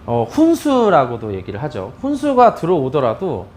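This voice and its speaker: A man's voice: fairly high pitch, normal speed, slight background noise. A middle-aged man, a bowling pro, giving an instructional demonstration, with frequent cues to his viewers as he explains. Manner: lively, animated explaining with many "자" cues.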